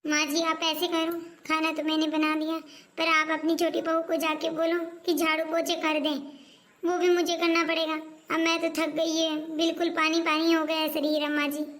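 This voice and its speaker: A woman's voice: extremely high pitch, monotone, moderate pace, a bit bright. A woman playing an overworked, aggrieved elder daughter-in-law in a family skit, complaining and nagging. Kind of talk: scripted family skit acting.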